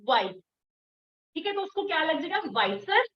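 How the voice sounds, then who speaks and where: A woman's voice: very high-pitched, very animated, reverberant, distant mic. Woman teacher, patient drilling, dull lo-fi sound, faint background hiss. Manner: patient, repeats and drills words slowly; firm when scolding students. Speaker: English teacher. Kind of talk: online class lecture.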